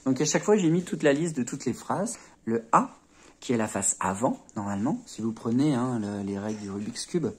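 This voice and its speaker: A man's voice: mid-range voice, lively intonation, a little fast, a little mellow, husky. A man teaching a puzzle-solving tutorial in a casual, chatty way, often checking in with the viewer and marking each move with little sounds like "hop" and "tac". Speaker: Rubik's cube tutor.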